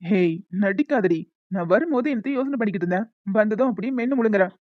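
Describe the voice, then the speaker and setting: A woman voicing a playful, persistent young newlywed husband in an animated short, bantering and coaxing. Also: mid-range voice, fast talker, no echo, muffled recording, lightly acted. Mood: teasing. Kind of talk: cartoon voice acting.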